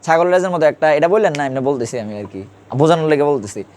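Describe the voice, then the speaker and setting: A man's voice: a little high, lively intonation, fast, a little mellow, slight background noise. A man teaching a classroom grammar lesson, quizzing students and repeating key terms.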